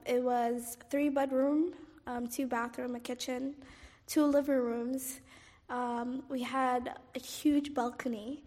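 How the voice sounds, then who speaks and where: A Somali-born woman in her twenties who grew up in Cairo, Egypt, recalls her childhood casually in an oral history interview. She sounds hesitant, saying "um" and "like" often and laughing softly. Her voice sits high, and the sound is that of a big room.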